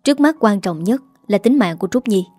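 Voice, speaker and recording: A woman voicing a stern, calm young father in a read-aloud story, speaking low and measured. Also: no echo, natural voice. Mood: firm.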